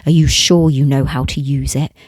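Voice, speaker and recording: A woman voicing a huge, gruff military major who speaks curtly and dismissively. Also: extremely low pitch, steady tone, moderate pace, a little mellow, no echo. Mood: stern. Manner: curt and dismissive.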